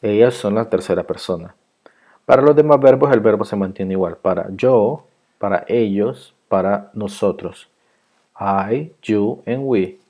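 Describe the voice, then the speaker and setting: A male teacher with a lowish, mellow voice walks through a grammar lesson. He takes his time and repeats each rule and example with patience. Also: measured pace. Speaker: English teacher. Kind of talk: grammar lesson explained in Spanish.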